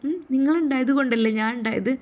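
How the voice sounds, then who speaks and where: A woman plays a devout young lady lawyer in a spoken storybook, grieving quietly and pleading in a soft, tearful way. Her voice sits higher than the narrator's own and stays mellow. The Malappuram Malayalam lilt stays throughout. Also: fast, close to an everyday voice. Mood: gentle.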